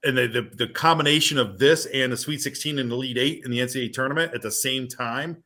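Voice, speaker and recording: Male researcher, mid pitch, bright timbre, steady and agreeable. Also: fast. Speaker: sports researcher. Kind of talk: casual panel chat.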